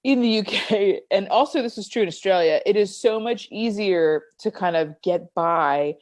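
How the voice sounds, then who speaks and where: A woman in her thirties with a New York accent, co-hosting a casual podcast chat, animated and swearing freely. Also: mid-range voice, normal speed. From United States. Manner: animated, swearing, laughs often, puts on voices for quotes. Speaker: podcast co-host.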